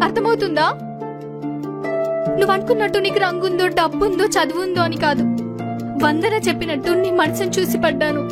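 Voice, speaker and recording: A young woman playing a friend in a scripted comedy sketch, who talks in a soft, earnest, emotional way. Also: very high-pitched, a little fast, long pauses, loud music behind the voice.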